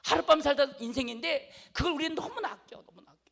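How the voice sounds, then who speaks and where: A man's voice: very high voice, quick pace, gravelly, fairly bright tone. A middle-aged male pastor preaching a sermon, emphatic and repetitive, often checking that his congregation understands. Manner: emphatic, repeats phrases, asks the congregation "아시겠어요?".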